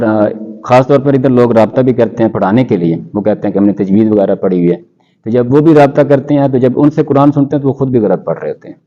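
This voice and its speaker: A man who teaches Quran recitation, answering interview questions in a measured way and quoting scholars in Arabic. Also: mid-range voice, warm tone, dull audio.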